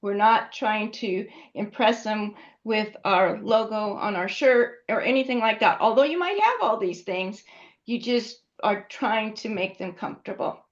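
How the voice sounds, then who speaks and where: A woman's voice: mid-range voice, a little slow. A woman teaching a class in a conversational way, often checking in with her students. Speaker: instructor. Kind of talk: classroom lecture. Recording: dull lo-fi recording.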